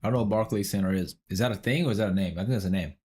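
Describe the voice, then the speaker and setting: Husky and a little mellow, this young man's low voice comes out rapid-fire as he streams a word puzzle and thinks aloud. He mumbles his guesses, curses occasionally, and checks with his chat on whether he's right.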